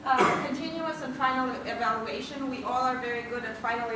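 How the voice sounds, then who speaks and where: Brisk woman presenting in an echoey room. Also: high voice, steady tone. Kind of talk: group presentation. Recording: echoey room from far off with noise.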